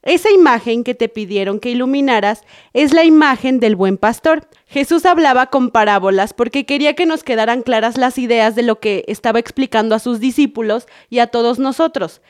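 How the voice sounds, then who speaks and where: A woman playing a Mexican mother in a family skit with a high, bright voice. She is stern when the kids misbehave, then patient and gentle as she explains things to them. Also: fairly quick, natural voice. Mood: explaining.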